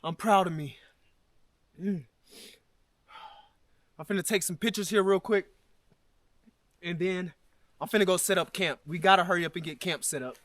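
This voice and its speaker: A man's voice: sits high, moderate pace, pauses often, fairly bright tone, no room sound, studio quality. A man from Alabama, vlogging a solo hike outdoors in the snowy mountains, emotional and thankful as he talks to his viewers. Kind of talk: solo hiking vlog.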